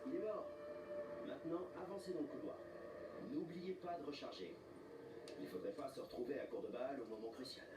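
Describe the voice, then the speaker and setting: Game tutorial instructor, calm authority, clipped orders, a man voicing it; distant, roomy, noisy game audio. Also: medium pitch, a little fast, a crowd in the background, lightly acted. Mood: instructive. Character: male military tutorial instructor, calm and commanding. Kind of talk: scripted game voice-over. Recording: echoey game audio captured with noise.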